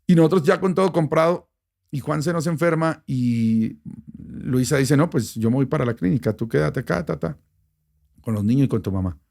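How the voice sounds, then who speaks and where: A middle-aged man with a Bogotá Colombian accent, a radio journalist telling a personal story in an interview, emotional and animated, with many restarts. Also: on the high side, normal speed, vocal fry. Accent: Bogotá Colombian Spanish. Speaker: radio journalist and station director.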